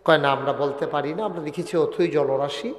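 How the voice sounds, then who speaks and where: A man with a preaches a waz sermon at a large gathering, his fairly high voice rising to shouts and dropping to hushed storytelling as he chants Arabic verses. The sound rings with long reverb through a roomy hall. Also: normal speed.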